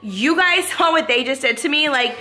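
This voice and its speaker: A woman filming a casual family vlog as the mom, talking in an excitable, flustered way and saying "like" in nearly every sentence. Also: high voice, normal speed. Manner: excitable, fills speech with "like"; scared and flustered, half laughing. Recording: loud music behind.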